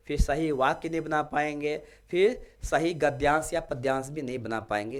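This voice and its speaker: A male teacher giving a classroom lecture, explaining step by step and checking in with his students. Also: fairly high pitch. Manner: explanatory, asks students rhetorical check-in questions.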